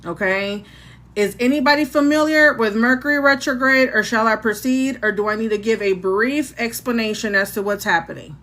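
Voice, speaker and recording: A woman with a country accent hosts a laid-back tarot livestream, chatting away and speaking directly to her viewers in the chat. Her voice is fairly high and a bit bright, moving at a moderate pace.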